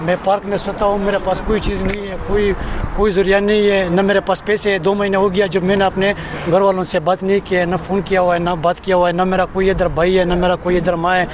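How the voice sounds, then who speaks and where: A man's voice: high voice, completely flat delivery, quick pace, few pauses, background noise. A man in his twenties from Afghanistan, a native Pashto speaker, earnestly pleading about his hardships in a street interview. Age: 20s.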